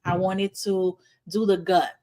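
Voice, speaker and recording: A woman's voice: fairly low pitch, flat delivery, measured pace, dark tone. Earnest woman from Haiti, physician guest. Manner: earnest, explanatory, uses "you know" often. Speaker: guest, internal medicine hospitalist. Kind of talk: conversational interview answers.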